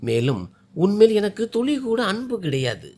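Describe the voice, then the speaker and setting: Hurt, defiant young woman in a storybook reading, tearful and sharp, higher voice; a man plays her. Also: huge pitch swings, a little slow, husky, exaggerated voice.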